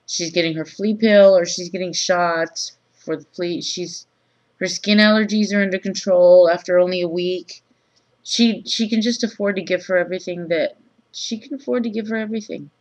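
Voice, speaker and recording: A woman in her thirties who has just woken up, talking groggily and haltingly in a low-key, casual, confessional vlog. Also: fairly even intonation. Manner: halting, pausing often mid-thought. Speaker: vlogger. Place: small room indoors. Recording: dull lo-fi webcam sound.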